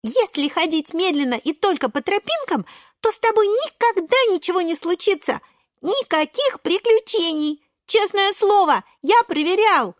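A woman voicing an excitable, impatient little boy spinach sprout who talks eagerly and breathlessly. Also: moderate pace, dry recording, clean studio sound. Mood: eager, insistent. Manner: breathless, eager, very high and bouncy.

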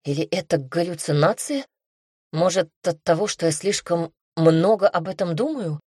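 A woman's voice: fairly low pitch, moderate pace, a little mellow, breathy edge, dry recording, clean studio sound. A woman reading an audiobook aloud, voicing a young man who is dazed at first and then teases the women around him fondly. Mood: dazed whisper. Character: young man, stunned new winged shapeshifter.

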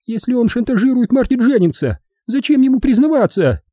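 Brief: male reader as a piercing, contemptuous woman in an audiobook, snapping lines, husky edge. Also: expressive, brisk, dark tone, dry recording. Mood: sneering. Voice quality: piercing falsetto. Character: shrill scornful woman, sharp-tongued and frantic. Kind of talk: audiobook character voice.

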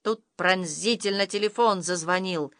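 A woman narrating a children's audiobook in an expressive, animated way. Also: fairly low pitch, moderate pace, dry recording. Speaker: audiobook reader. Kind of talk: scripted storybook narration.

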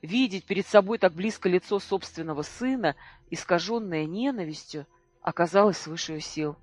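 Measured dramatic audiobook narrator. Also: medium pitch, no room sound. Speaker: audiobook reader.

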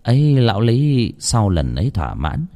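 A man's voice: mid-range voice, huge pitch swings, normal speed, dark tone. Male narrator telling a ghost story. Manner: dramatic, emotive storytelling. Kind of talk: scripted horror story narration.

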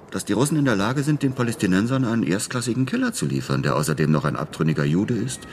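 In a German radio crime drama, a male actor plays a cynical, flippant American war veteran, delivering lines in a laconic, matter-of-fact way. His voice sits low, with a slight hiss or hum on the recording.

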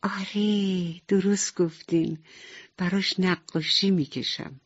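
A woman's voice: sits low, dry recording, dull audio. A woman voicing an eager little girl who is a cheerful hospital patient in a radio bedtime story. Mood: happy.

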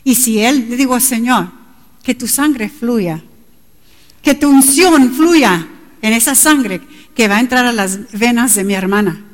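A woman's voice: fairly high pitch, measured pace. A middle-aged woman preaching a sermon with passion, her voice climbing to cries at times. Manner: impassioned, rising to cries at times. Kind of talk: bilingual sermon. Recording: long reverb in a large hall.

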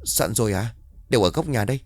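A man's voice: mid-range voice, lively intonation, fast talker, no room sound, natural voice. A man voicing a timid, dutiful young daughter who answers politely and deferentially.

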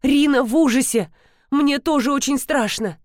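A woman's voice: high-pitched, normal speed, no echo, clean studio sound, pitched above the performer's own voice, natural voice. A woman voicing a panicky, tearful woman housekeeper, talking frantically. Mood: panicked.

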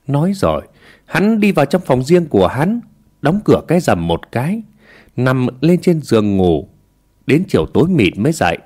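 A man telling a village story with lively, expressive narration. His pitch sits in a middle register. The intonation moves animatedly from line to line. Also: moderate pace.

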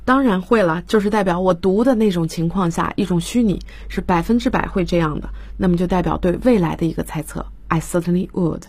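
A woman's voice: on the low side, a little fast, hardly any pauses, darkish tone, slightly rough, no echo. A woman English teacher on a radio program, explaining grammar in Chinese and reading English example lines. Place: radio studio.

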